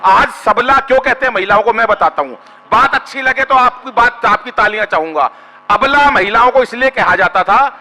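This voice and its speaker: A man's voice: high-pitched, sharp tone, big-room sound, slight background noise, rough recording. A man from Haryana, performing comic poetry on a live stage and bantering with the crowd to draw applause. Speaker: comic poet. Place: live stage before an audience.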